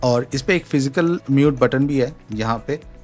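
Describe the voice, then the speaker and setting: A man's voice: medium pitch, moderate pace, darkish tone, soft background music. Man demoing a mic, step by step. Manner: explains step by step, mixes in English phrases. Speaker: tech reviewer. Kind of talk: casual product demo. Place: home room with a fan running. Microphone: studio USB mic at varying distance.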